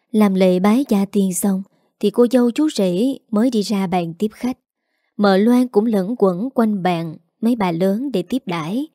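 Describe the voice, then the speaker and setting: A woman narrating a storybook in a steady, even way. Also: medium pitch, no echo, clean studio sound.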